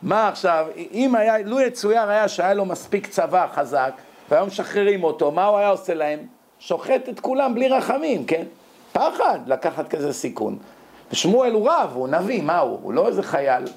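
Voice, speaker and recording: Man, Torah lecture, high voice, lively rhetorical questions. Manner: animated storytelling, rhetorical questions.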